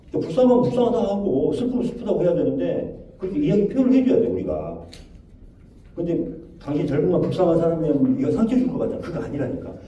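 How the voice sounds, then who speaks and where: A man's voice: a little high, dark tone. A man giving a spoken lecture on overcoming depression, asking his listeners rhetorical questions and acting out the phrases he quotes. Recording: echoey and distant, dull, faint noise.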